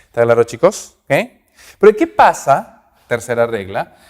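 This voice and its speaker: A man's voice: medium pitch, very animated, a little mellow. Man, English teacher, patient step-by-step explaining, hall reverb. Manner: explains slowly, checking with "ok?" after each point. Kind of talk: recorded grammar lesson.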